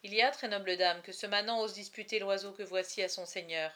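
Ceremonious male falconer, measured, formal, storybook reading, woman voicing him. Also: mid-range voice, steady tone, pushed and bright, natural voice.

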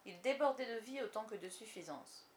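A woman's voice: a little high, animated, a little fast. Woman reading a storybook aloud. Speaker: narrator. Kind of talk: storybook narration.

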